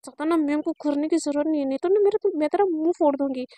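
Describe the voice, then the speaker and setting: A woman's voice: high-pitched, racing, dark tone, no echo, natural voice. A woman voicing a tough, bossy young woman student who talks bluntly and threatens. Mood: scolding.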